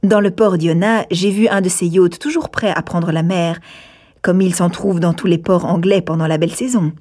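A woman reading aloud, voicing a calm young gentleman who lays out a plan in a reassuring, matter-of-fact way. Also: on the low side, moderate pace, close to an everyday voice.

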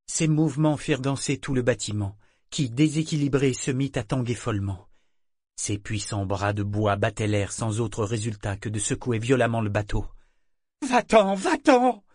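A man reading a novel aloud in a steady, measured storytelling manner. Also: medium pitch, no echo, clean studio sound. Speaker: audiobook narrator. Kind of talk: scripted narration.

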